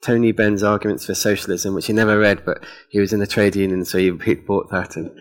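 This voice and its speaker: A man speaking on a festival panel, hesitant and self-deprecating, with many pauses and ums. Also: fairly low pitch, little pitch movement. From England. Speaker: poet on a panel. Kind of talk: live onstage conversation. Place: festival event before an audience.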